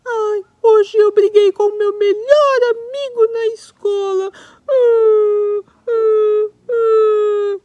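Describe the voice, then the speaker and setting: A woman's voice: high voice, sing-song, normal speed, few pauses, a little mellow, dry recording, highs cut off, voice pushed up. A woman voicing a sad little male monkey who whimpers and sounds tearful in a play-pretend story for small children.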